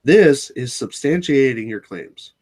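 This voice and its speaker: A man of middling pitch talking in a loose, casual chat. He is blunt and sarcastic, swears freely, and often stops and restarts mid-sentence. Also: lively intonation, slow, darkish tone. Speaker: channel host.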